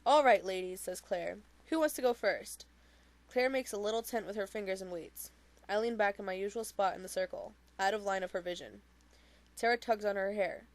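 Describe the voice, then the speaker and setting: A woman reading a novel aloud in the first person, in a steady, plain way. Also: medium pitch, fairly quick. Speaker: reader of a novel.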